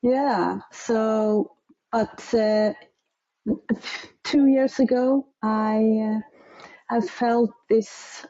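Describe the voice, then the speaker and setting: Icelandic midlife woman, slow and searching for words, mellow dark voice, kinda muffled audio. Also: fairly high pitch, steady tone. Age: middle-aged. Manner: hesitant, searching for English words. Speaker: guest. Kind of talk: interview storytelling.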